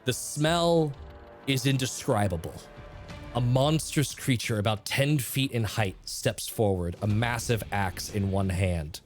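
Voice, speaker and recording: Game master running a fantasy tabletop game, mid-pitched, playful then deliberate, music in the background. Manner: playful, alternating banter and deliberate scene description.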